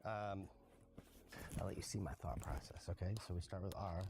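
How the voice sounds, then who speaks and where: A man's voice: low-pitched, normal speed, background noise. A man who does magic and comedy, chatting as a guest in an easygoing way, often thinking aloud. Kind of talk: casual chat.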